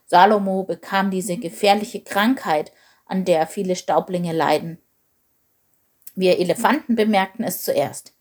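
A woman voicing a gentle, wise old female elephant who tells stories in a storybook reading, calm and measured. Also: lowish voice. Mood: telling.

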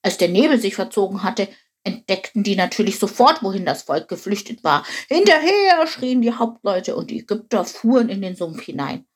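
Breathy woman reading a children's story. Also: mid-range voice, brisk. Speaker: storybook narrator.

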